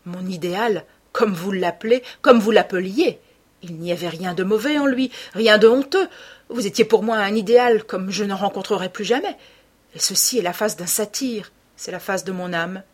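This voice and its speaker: A woman's voice: mid-range voice, moderate pace, breathy edge, lightly acted. A woman reading an audiobook voices a distraught middle-aged male painter, speaking in an anguished, emphatic way.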